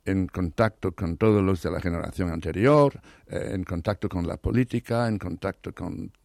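A man speaking Spanish as a learned language, hoarse today, talking eagerly in an interview and often restarting or repeating words. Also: low-pitched, normal speed, darkish tone, no room sound, studio quality. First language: not Spanish. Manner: enthusiastic, restarts words, many repetitions. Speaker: interview guest, literary scholar. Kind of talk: thoughtful conversational interview.

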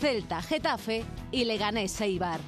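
A woman's voice: mid-range voice, animated, measured pace. A woman announcer giving a scripted sports promo read for radio. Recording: music bed behind.

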